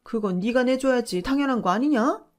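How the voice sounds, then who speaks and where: A woman voicing a domineering, loud middle-aged mother-in-law who scolds and belittles in a shrill voice. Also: fairly quick, soft background music, lightly acted. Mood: scolding.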